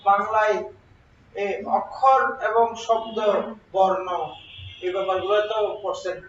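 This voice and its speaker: A man's voice: high voice, steady tone, a little slow, a bit bright. A man teaching a grammar lesson to a class, asking questions and answering them himself. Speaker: exam prep teacher. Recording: roomy, distant, dull lo-fi sound with faint noise.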